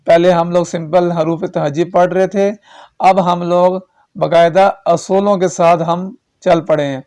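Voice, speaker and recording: A high-pitched man with a Pakistani Urdu accent teaches Quran reading in a recorded lesson. His voice is smooth and clear, and he stretches single syllables slowly in drills before switching to brisk explanations. He keeps asking the learner whether they follow. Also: steady tone, a little mellow. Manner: drawn-out syllable drills alternating with quick explanations; checks in with repeated questions to the learner.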